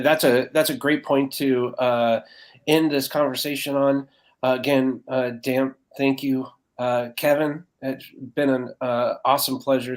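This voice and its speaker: Effusive man hosting a live web talk. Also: mid-range voice. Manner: effusive, thankful, lots of fillers. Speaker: host. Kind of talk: live online interview wrap-up.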